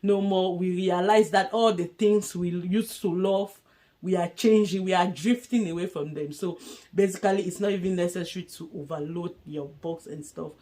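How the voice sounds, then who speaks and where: A woman's voice: fairly low pitch, moderate pace, dark tone. Chatty woman vlogger from Africa. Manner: chatty, laughs often, earnest advice. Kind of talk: casual advice vlog.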